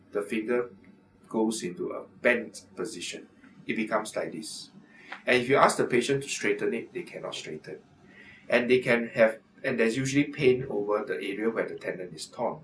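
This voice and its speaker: In a medical office, a middle-aged orthopaedic surgeon from Singapore explains things to camera in a measured way, pausing often with fillers. His voice sits on the low side, and the audio is poor and recorded from a distance.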